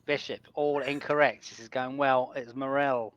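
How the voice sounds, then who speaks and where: A man hosting a casual podcast chat, briskly reading out quiz categories and answers. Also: medium pitch, fairly even intonation, a bit bright, muffled recording. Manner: brisk quizmaster, reads out answers and keeps things moving. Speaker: podcast host running a quiz.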